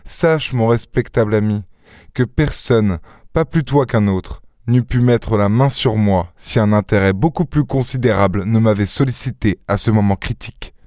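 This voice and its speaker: A man voicing a suave, teasing gentleman-thief. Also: lowish voice, moderate pace, dry recording, studio quality, close to an everyday voice. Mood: airy. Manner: playful, ironic, airy. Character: suave witty male gentleman-thief, mocking and self-assured.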